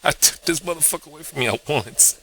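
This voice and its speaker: A man's voice: a little high, a little fast, vocal fry, sharp tone, slight background noise, pitched above the performer's own voice. A man voicing an irritated male God who scolds trespassers with profanity. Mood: exasperated.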